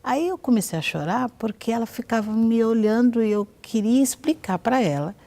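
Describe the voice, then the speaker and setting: A Brazilian woman shares her personal testimony in a TV interview, speaking in a mellow, low-toned voice with a gravelly edge. She brings the story to life by acting out the voices of the people in it. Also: animated, normal speed. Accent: Brazilian Portuguese. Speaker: guest giving a testimony.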